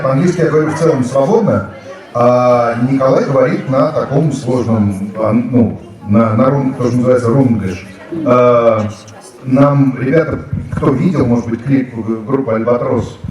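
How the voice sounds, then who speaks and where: Speaking casually to students in a large hall, a fiftysomething actor invited as a guest rambles through stories packed with fillers. He has a mid-range, somewhat dark voice. The recording carries hall echo from a far-off microphone.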